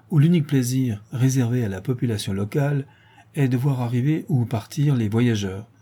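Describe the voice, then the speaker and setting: A man's voice: dark tone, slightly rough. A man narrating a short story aloud, giving each character a slightly different voice. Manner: shifts pitch for the characters' lines. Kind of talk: audiobook reading with voiced dialogue.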